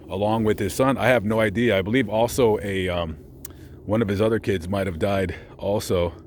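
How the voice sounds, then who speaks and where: A man's voice: on the low side, a little mellow, a little hiss or hum. A man chatting casually while visiting a cemetery, meandering with lots of fillers and self-corrections. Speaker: vlogger visiting famous graves. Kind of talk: casual rambling commentary. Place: outdoors at a cemetery.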